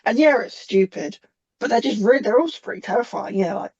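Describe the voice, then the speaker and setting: A man guesting on a podcast in casual chat, starting haltingly and then speaking fluently. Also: sits high, lively intonation, creaky, breathy edge. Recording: dull lo-fi audio.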